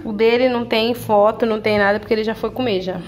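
A young woman from Brazil talks at a quick pace in a level tone, her voice on the high side. Hosting a home cooking vlog from her kitchen, she films her husband at work, chatting to viewers and cheering him on with compliments and prompts.

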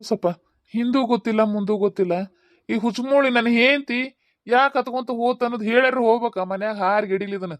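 A fretful old village father-in-law, played by a woman, who rambles and asks the same questions over and over in a North Karnataka Kannada accent. The voice sits fairly high for the part, and the recording is dry and close. It comes from a homemade village comedy skit. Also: fast, dry recording, lightly acted. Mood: worried, bewildered.

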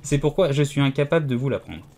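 A man's voice: mid-range voice, expressive, fast talker, mellow, natural voice. A man reading an audiobook, voicing a pompous, condescending giant egg man who lectures haughtily. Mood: smug.

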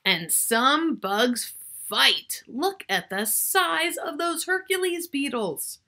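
In a small furnished room at home, a middle-aged woman reads a picture book aloud to young children, drawing out key words and chatting to her listener. Her voice is high, animated, and bright, with a slow, forceful delivery.

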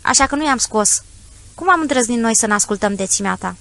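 A woman's voice: fairly high pitch, lively intonation, gravelly, fairly bright tone. A woman voicing an obsequious, shifty male peasant of about thirty, fawning and evasive in an audiobook story.

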